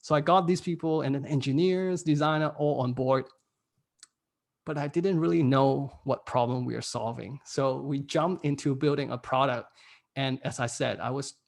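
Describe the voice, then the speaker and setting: A man's voice: a little high, gravelly. A man in his thirties from Hong Kong, giving a casual online workshop talk from home, laughing often at his own jokes. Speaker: workshop speaker. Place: home room.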